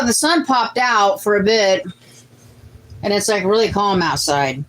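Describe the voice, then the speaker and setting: A woman's voice: medium pitch, fairly bright tone, low-quality recording. A woman in her late forties hosting a casual family livestream, chatting and reading viewer comments aloud. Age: late 40s. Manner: chatty, reads out comments and answers them. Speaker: host of a family cooking livestream.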